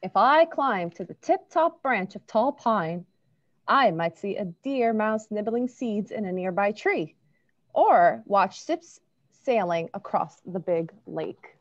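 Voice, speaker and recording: A woman's voice: medium pitch, animated, slow, muffled recording. A woman reading as a curious little beetle. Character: curious small spotted beetle.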